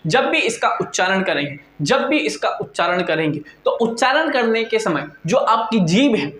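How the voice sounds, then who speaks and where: A man's voice: high voice, big pitch swings, moderate pace, a bit bright, a little hiss or hum. A male teacher giving a lecture, asking questions and answering them himself. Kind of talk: classroom lecture. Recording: echoey room.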